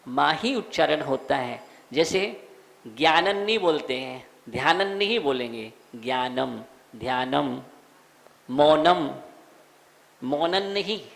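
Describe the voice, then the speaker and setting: A man, a monk, teaching the recitation of a devotional verse, slowly sounding out each word and asking listeners to repeat. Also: high voice, gravelly, fairly bright tone. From India. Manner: slow, repeats words, quizzes listeners; chants verses in a sung tone. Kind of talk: recitation and pronunciation lesson.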